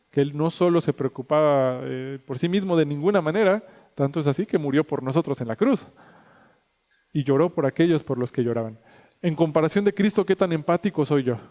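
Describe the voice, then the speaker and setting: A man, a pastor preaching a sermon, whose pitch and volume climb at the high points. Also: warm tone. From Mexico. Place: church sanctuary. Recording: echoey church hall.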